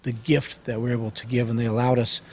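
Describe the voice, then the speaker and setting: Halting, earnest man. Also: mid-range voice, little pitch movement, darkish tone, husky. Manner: earnest and halting, many restarts and pauses. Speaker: service company owner and show host. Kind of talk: reading a letter aloud and chatting on a radio show.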